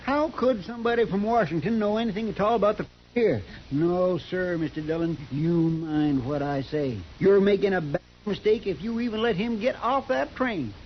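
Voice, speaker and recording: High-pitched folksy sidekick Chester, played by a man. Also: moderate pace, hardly any pauses, close to an everyday voice. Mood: indignant. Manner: folksy, indignant, stubborn. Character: loyal, fretful, folksy deputy sidekick of the marshal. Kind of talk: 1950s radio western acting. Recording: dull, noisy 1950s radio recording.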